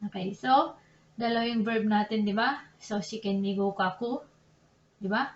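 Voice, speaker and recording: A woman's voice: medium pitch, normal speed, reverberant, highs cut off, slight background noise. A young Filipina woman, teaching Japanese grammar in a chatty, casual way, often correcting herself and laughing at her slips. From Philippines. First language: Tagalog. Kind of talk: casual online lesson in Tagalog and English.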